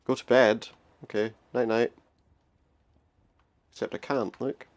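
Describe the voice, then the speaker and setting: A man's voice: mid-range voice, little pitch movement, unhurried. A man giving casual, wry let's play commentary, musing aloud as he goes. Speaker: game player commentator.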